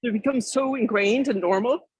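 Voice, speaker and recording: A woman's voice: fairly high pitch, moderate pace, slightly rough, no room sound, rough recording. A woman with an Irish accent giving an informal, conversational keynote talk, often hesitating and rephrasing herself as she goes. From Ireland. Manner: hesitant, self-correcting, rambling delivery. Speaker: keynote speaker, artist and activist.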